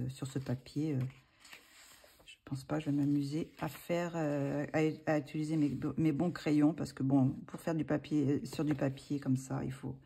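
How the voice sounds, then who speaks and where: A woman's voice: deep voice, gravelly, warm tone, slight background noise. A woman talking casually as a vlogger, hesitant and full of fillers as she thinks aloud. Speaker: vlogger showing coloring books. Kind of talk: casual chat.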